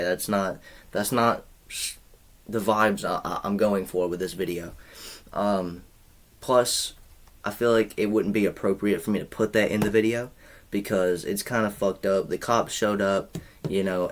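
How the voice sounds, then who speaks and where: A young man in his twenties telling a rambling, profane storytime, heavy on slang and filler. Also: fairly low pitch. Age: 20s. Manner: rambling, profane, slangy, says bro a lot. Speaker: vlogger. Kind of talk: casual storytime chat.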